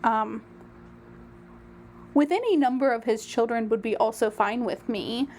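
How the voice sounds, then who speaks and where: Woman host, relaxed chatty commentary with lots of filler, slightly high voice, faint hiss behind. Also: measured pace. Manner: chatty, rambling, frequent ums. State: a little out of breath. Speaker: royal news commentator. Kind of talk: casual solo commentary.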